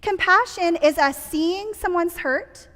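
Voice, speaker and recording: A woman's voice: very high voice, slow, a bit bright. A woman leading a children's camp lesson, playful and full of questions for the kids. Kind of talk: children's message to young campers. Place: church room with children. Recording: reverberant church hall.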